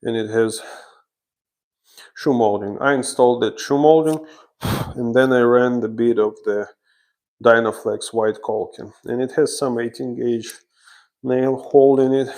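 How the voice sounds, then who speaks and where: A Ukrainian contractor talks viewers through his renovation job step by step on a site livestream, his speech slow and halting. The voice is medium-pitched, steady and darkish in tone.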